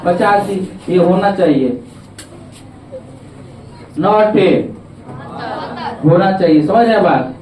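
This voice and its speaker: A man's voice: high-pitched, lively intonation, takes it slowly, pauses often, a little mellow, some chatter behind, slight background noise. A male teacher, giving a classroom math lesson and often checking that students understand. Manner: coaxing, repeats checks on understanding. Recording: echoey classroom from far off.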